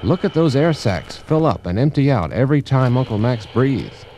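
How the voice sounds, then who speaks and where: A man's voice: mid-range voice, expressive, normal speed, dark tone, a little hiss or hum, natural voice. Curious brave boy, near the narrator's own voice, man reading. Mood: wondering.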